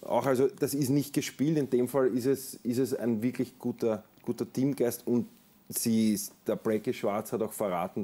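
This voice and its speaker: A middle-aged man talks ski racing on a studio set. His voice sits low and dark. He picks his words with small fillers and repeats. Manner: conversational, thinks aloud with filler sounds and repeats. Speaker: sports journalist. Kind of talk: studio sports discussion. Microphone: lapel mic.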